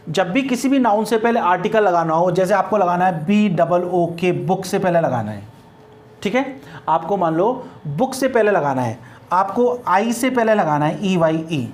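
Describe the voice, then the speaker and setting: A male teacher giving a classroom grammar lecture, spelling words out letter by letter and drilling students with repeated rhetorical questions. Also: high-pitched.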